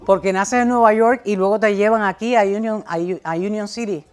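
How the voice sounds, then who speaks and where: A woman hosts a talk show, leading her guests through the conversation. She wraps up segments in a polished announcer style, and soft music plays underneath. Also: mid-range voice, fairly even intonation, fairly quick, clear, resonant tone.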